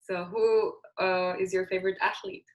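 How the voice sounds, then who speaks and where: A woman hosts an interview show with a voice of middling pitch. She sounds upbeat, opening with a scripted introduction before moving into her questions. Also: level tone, normal speed. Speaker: podcast host. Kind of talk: interview hosting.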